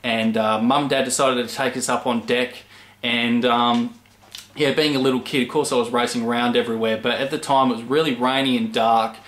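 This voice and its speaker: A man in his twenties with an Australian accent, chatting casually to camera as a channel host, rambling with many pauses. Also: mid-range voice, steady tone, a bit bright. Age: 20s. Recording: echoey room.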